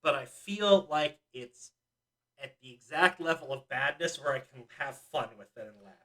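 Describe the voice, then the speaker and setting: A man's voice: fairly high pitch, expressive, moderate pace, bright, forceful tone, far from the mic, poor audio. A young man co-hosting a podcast, recapping a movie in casual chat with lots of ums and laughs. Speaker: podcast co-host.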